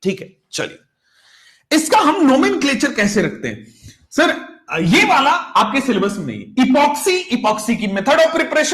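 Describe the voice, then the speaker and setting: A man's voice: very high voice, a bit bright, roomy sound. A man teaching chemistry in an online lecture, calling students "beta" and drawing out and repeating key terms. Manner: calls students beta and bachche, asks rhetorical checks; drawn-out stressed words, repeats key terms.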